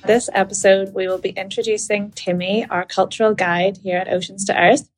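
A young woman with a Northern Irish accent, a volunteer who hosts a podcast interview and asks measured questions. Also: medium pitch, steady tone, soft background music. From Belfast, Northern Ireland.

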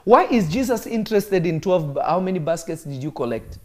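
Speaking a little fast in a high, expressive voice, a man from Kenya delivers sermon teaching on a live stream. He preaches emphatically to his online audience, repeating phrases for effect.

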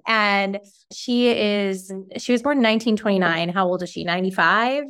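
A woman's voice: mid-range voice, moderate pace, a bit bright, clean tone. A woman hosting a podcast, chatty and curious, asking questions in a casual style with lots of "like"s. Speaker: podcast host.

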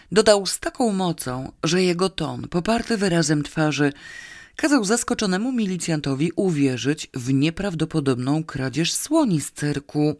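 Audiobook reader, unhurried and expressive, dry close sound. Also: medium pitch, no room sound. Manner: slow, measured, expressive reading. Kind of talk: audiobook narration.

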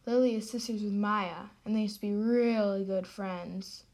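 A woman with a mid-range, slightly dark voice that sounds close to everyday speech plays a chatty, sardonic narrator hosting an amateur radio drama. Her tone is steady and her pace moderate, with an informal, gossipy manner.

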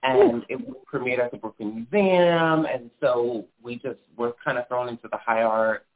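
Animated man guest on a phone-like line. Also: mid-range voice, normal speed. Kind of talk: casual interview chat.

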